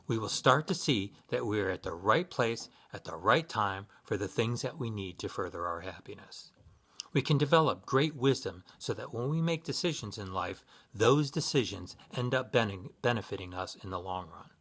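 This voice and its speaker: A man giving sincere, measured spiritual guidance in a scripted instructional talk, with occasional fillers. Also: lowish voice, expressive, fairly bright tone, breathy edge. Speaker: Buddhist practitioner giving guidance.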